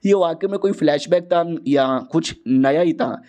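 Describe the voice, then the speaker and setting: A man's voice: a little high, measured pace, clear, resonant tone, close to an everyday voice. A man voicing a brash, jumpy young male cultivator disciple who talks in cheeky slang. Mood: puzzled. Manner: slangy, cheeky, panics loudly.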